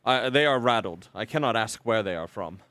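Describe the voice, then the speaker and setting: A man's voice: on the low side, expressive, a little fast, a bit bright, no echo. A man playing a flustered young noble son. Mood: embarrassed. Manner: formal, stammering, self-deprecating.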